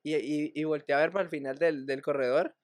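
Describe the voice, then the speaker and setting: A podcast co-host in casual chat, telling about scary films and dreams with many halting repeats. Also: medium pitch, fairly even intonation, no echo, clean studio sound.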